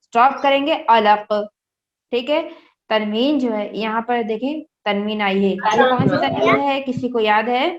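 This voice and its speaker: A woman from India teaching Quran recitation. She spells each word slowly, syllable by syllable, and then recites the whole verse. She quizzes her students patiently and mixes English words into her explanations. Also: fairly high pitch. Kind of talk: Quran recitation lesson, spelling out letters and vowels. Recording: muffled lo-fi audio.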